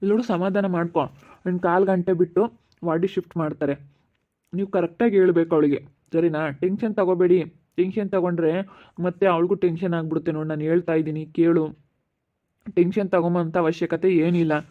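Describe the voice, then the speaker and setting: An actor playing a calm male family elder who steadily consoles relatives and repeats his instructions. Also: high voice, brisk, lightly acted. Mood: coaxing. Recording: tinny phone-like sound.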